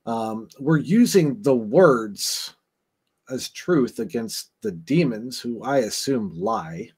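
Chatting casually on a podcast about game lore, a man explains his theories slowly and expressively, his medium-pitched voice dark in tone with a breathy edge. His speech wanders and stalls, with plenty of fillers and false starts.

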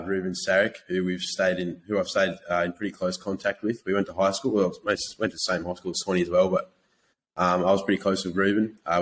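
A man's voice: low voice, slight background noise, low-quality recording. A young Australian man with a broad accent chatting casually as a podcast host, with blokey, laid-back slang. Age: young adult. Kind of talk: casual chat.

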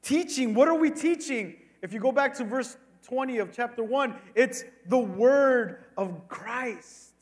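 Male preacher, high register, emphatic and conversational sermon delivery, long room reverb. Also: a little slow, few pauses. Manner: emphatic, with rhetorical questions and repeated phrases; colloquial asides, acting out dialogue. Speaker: pastor preaching.

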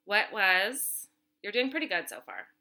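Giggly teasing woman, very bright voice. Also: medium pitch, big pitch swings, moderate pace. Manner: teasing, giggly, reads lyrics aloud. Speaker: quiz host. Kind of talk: casual chat.

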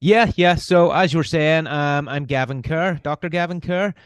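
A Northern Irish man in his forties with a Belfast accent explains philosophy conversationally as an interview guest. He hesitates a lot, filling gaps with ums and restarting sentences. His slightly high, smooth voice sounds dry and close, with no echo or room around it.

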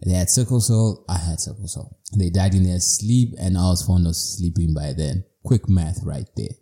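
Low mellow guy doing a podcast monologue, jokey and teasing himself. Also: moderate pace. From Zimbabwe. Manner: playful, self-mocking, chuckles at himself. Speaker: podcast host. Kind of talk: reflective personal monologue.

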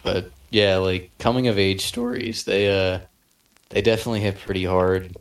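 A man's voice: sits low, fairly even intonation, normal speed. A young man co-hosting a podcast, rambling and hesitant, his voice cracking now and then. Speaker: podcast co-host. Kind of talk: casual chat.

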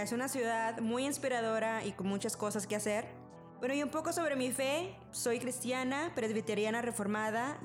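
A young woman from Mexico, raised in Texas, talking casually as a podcast host and using many fillers. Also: on the high side. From Mexico, raised in the Rio Grande Valley of Texas. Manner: chatty, many fillers like "o sea" and "pues". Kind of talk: casual personal monologue.

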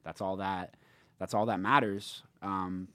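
A low-pitched man hosts a sports podcast, laid-back and analytical. He trails off with frequent ums as he thinks. His voice sits dry and close on the mic. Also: steady tone, unhurried, bright, forceful tone, no room sound. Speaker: podcast host. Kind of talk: casual sports podcast chat.

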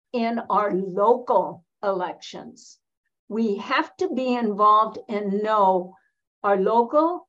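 An elderly American woman, seventies or older, speaking as an interview guest in a reflective, emphatic, deliberate way with pauses mid-sentence, on a slightly dull recording. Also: a little high. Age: 70s or older. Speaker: interview guest, veteran feminist activist.

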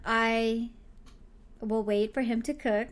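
A woman co-hosting a casual streamed chat show, leaning hard into a playful Valley Girl voice. Her voice sits a little high, and she rambles and giggles through her stories. The talk is loose and unscripted. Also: steady tone, slow pace. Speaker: co-host of a live-streamed podcast.

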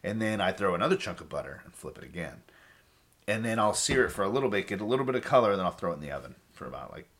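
A man's voice: on the low side, sing-song, rapid-fire, fairly bright tone. A man chatting casually and bluntly, with heavy swearing. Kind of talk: casual chat.

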